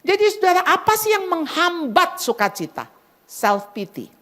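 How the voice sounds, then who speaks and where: A middle-aged woman preaching to a crowded church at a Christmas gathering. She calls the listeners "saudara", drops English phrases into her talk, and swings her voice wide as she acts out the voices she quotes. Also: moderate pace. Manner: animated, dramatizes inner voices and prayers with big pitch swings. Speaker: women's ministry speaker. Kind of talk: sermon. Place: packed church hall at a Christmas event.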